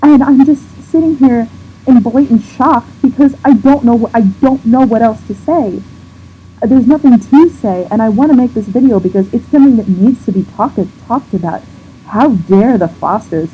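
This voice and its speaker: Upset woman ranting through halting restarts. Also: mid-range voice. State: on the verge of tears. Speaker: vlogger. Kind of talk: emotional rant to camera. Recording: dull lo-fi sound with faint background noise.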